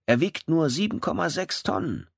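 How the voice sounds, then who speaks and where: A man's voice: on the high side, big pitch swings, normal speed, gravelly, breathy edge, no room sound, studio quality, voice pushed up, heavily acted. A man voicing a worried, boastful company director of about sixty in a read-aloud story. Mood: proud. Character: anxious, proud sixty-year-old company director.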